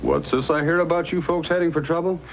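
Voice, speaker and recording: An actor playing a firm, helpful Mountie sergeant in an old-time radio drama. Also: male voice, a little high, fairly even intonation, quick pace, gravelly, a little hiss or hum, rough recording. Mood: concerned, helpful. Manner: commanding, questioning, firm. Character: authoritative, helpful male Mountie sergeant of the Yukon.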